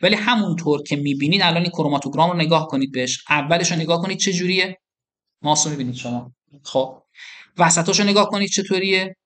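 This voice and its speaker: A man's voice: a little high, a bit bright. A middle-aged man giving a classroom lecture, explaining step by step and asking his students questions as he demonstrates on screen. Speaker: university lecturer.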